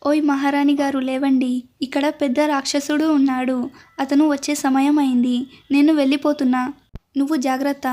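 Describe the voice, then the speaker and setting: A woman's voice: high-pitched, level tone, moderate pace, mellow, lightly acted. A woman voicing a playful, teasing young man who protects a queen in a storybook tale. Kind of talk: storytelling narration.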